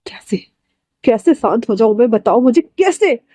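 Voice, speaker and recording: A woman voicing a bitter, furious young man who was wronged, shouting accusations in a storybook reading. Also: on the high side, lively intonation, moderate pace, no echo. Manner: shouting accusations, stammering in shock.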